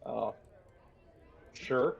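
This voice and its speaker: A man narrating a tabletop game as game master, unhurried and hesitant, with many fillers. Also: muffled recording.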